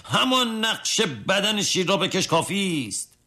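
A man's voice: big pitch swings, sharp tone, exaggerated voice. A boastful self-styled hero, as a male narrator plays him in a storybook tale. He yelps and complains, his voice jumping sharply upward. Bravado falls apart into whining. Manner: complaining cries, pitch jumping high. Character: boastful tough-guy man, cowardly and whiny about pain.

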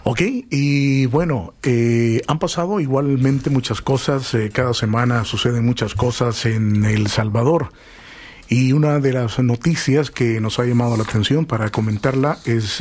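A man hosting a radio talk show who introduces songs and guests and comments on the news, pausing often on hesitant fillers. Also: mid-range voice, darkish tone. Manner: hesitant, with frequent "eh" fillers between phrases; reads news items in a measured, informative way.

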